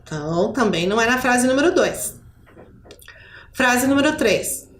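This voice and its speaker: A woman's voice: on the high side, expressive, a little slow. A woman with a Brazilian accent from Curitiba, a primary school teacher giving a video lesson for children, patient and didactic, speaking straight to the pupil with fond diminutives. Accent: Brazilian Portuguese, Curitiba. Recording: echoey room with faint background noise.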